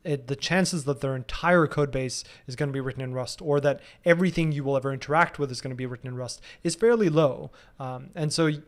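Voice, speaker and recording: A man in his thirties answering viewer questions casually in a live stream, thinking aloud with frequent ums and restarts. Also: mid-range voice. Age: 30s.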